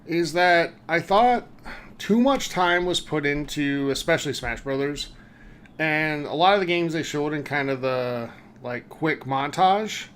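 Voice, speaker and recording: A man's voice: a little high, unhurried, fairly bright tone, slight background noise. A man hosting a casual podcast chat, upbeat, leading the talk and putting questions to his co-hosts. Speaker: podcast host.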